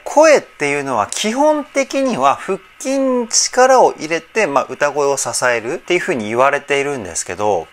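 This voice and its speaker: Lively admiring male voice coach. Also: fairly high pitch. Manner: admiring, explains patiently with many fillers. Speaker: voice trainer. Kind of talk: casual vocal analysis commentary.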